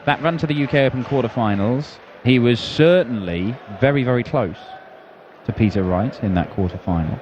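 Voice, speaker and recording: A man's voice: mid-range voice, normal speed, a little mellow, a little hiss or hum. A man giving live darts commentary as a broadcast commentator.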